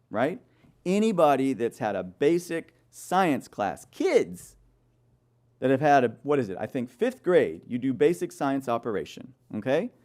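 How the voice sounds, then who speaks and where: His voice is mid-range with a darkish tone. He leads a Bible study in the manner of a sermon, telling stories, asking his audience rhetorical questions, and regularly checking in with "okay?"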